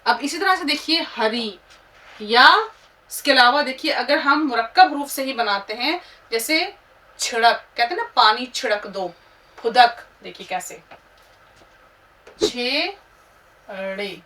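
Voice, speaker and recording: A woman teacher spells each word slowly and patiently, letter by letter, for her learners. Her voice is bright and sits a little high. She sounds set back from the microphone. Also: lively intonation, recorded from a distance. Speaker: Urdu teacher.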